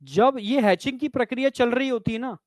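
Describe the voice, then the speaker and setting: A man's voice: extremely high pitch, fairly quick, darkish tone, dry recording, clean studio sound. A man teaching biology in a classroom lecture, explaining step by step and often checking that students understand. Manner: addresses students as "bhai" and "beta".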